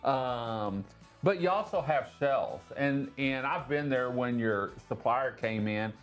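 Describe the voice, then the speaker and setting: A man's voice: medium pitch, lively intonation, slow pace, faint music behind. A man hosting a casual local interview, upbeat and promotional as he guides the talk. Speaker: interview host.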